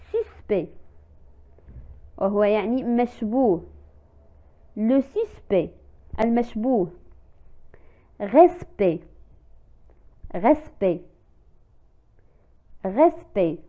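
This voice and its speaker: Slow, careful woman teacher, tinny sound. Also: a little high. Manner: repeats each example word slowly and clearly, explaining in Arabic. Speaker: French teacher. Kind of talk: language lesson.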